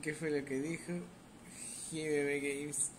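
A man's voice: on the high side, flat delivery, slow, background noise. A young man with a Mexican Spanish accent giving crude, joking live commentary while playing a game and bantering with his chat. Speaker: livestreamer. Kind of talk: casual live gameplay commentary.

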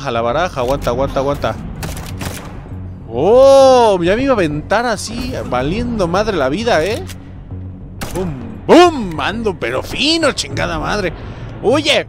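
A young man with a Mexican Spanish accent giving excitable, profanity-filled commentary while he plays a game, often breaking into sudden yelps and shouts. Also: fairly high pitch, moderate pace, over music. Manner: excitable, swears a lot, jumps to yelps and shouts. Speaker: gaming channel host. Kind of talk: casual gameplay commentary.

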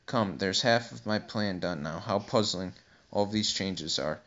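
A man's voice: deep voice, measured pace, a bit bright. A man voicing a polite, curious young girl in an audiobook, speaking timidly and earnestly. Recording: dull lo-fi recording.

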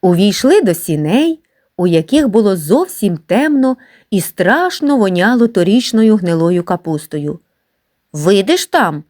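A woman narrating a classic short story aloud with an expressive storytelling delivery. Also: mid-range voice, unhurried.

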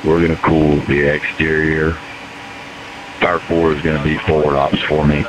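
A man's voice: very deep voice, little pitch movement, moderate pace. A man working as a fire incident commander, giving brief procedural orders in terse emergency radio traffic. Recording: noisy fireground radio recording with engine hum.

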